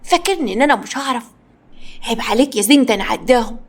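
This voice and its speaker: A woman voicing a gruff, scolding, forgetful old grandmother, with an Egyptian accent. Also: fairly high pitch, animated, rapid-fire.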